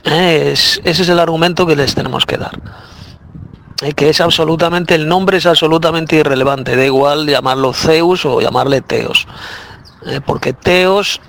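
A man's voice: a little high, normal speed, creaky, fairly bright tone, slight background noise. Insistent Spanish-speaking man preaching. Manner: insistent, repeats points, frequent "eh" fillers. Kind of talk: spoken Bible teaching.

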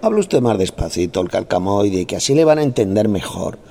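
A man's voice: on the low side, sing-song, fairly quick, dark tone. A man leading a Bible study who explains verses with conviction and scolds and mocks his opponents. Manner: combative, scolding, mocking opponents. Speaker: Bible teacher. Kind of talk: heated Bible study debate.

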